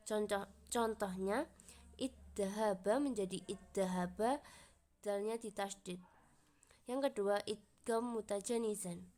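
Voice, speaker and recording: Young woman from Indonesia reading a class presentation. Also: medium pitch. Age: young adult. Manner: steady, explanatory reading, slowing to recite Arabic examples. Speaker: university student presenter.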